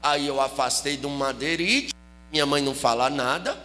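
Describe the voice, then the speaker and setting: A man preaching his personal testimony as a lively story, rising into a chanted, sing-song preaching cadence. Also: medium pitch, moderate pace, in a large hall, soft background music. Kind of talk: testimony sermon, storytelling with acted dialogue.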